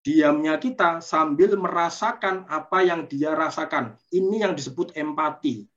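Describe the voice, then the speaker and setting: Patient man explaining calmly, dull audio. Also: fairly high pitch, a little slow. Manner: patient, explanatory, frequent "gitu ya" tags. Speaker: parenting speaker. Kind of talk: webinar talk. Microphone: video call.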